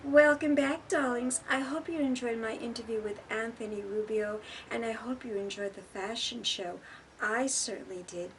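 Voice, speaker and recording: A woman with a high voice presents her show in a gushing, theatrical way. She addresses the audience directly, and there is faint noise in the background. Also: normal speed, rough recording. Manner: theatrical, gushing, calls viewers darlings. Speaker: online show host and interviewer. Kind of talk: gushing presenter talk to viewers.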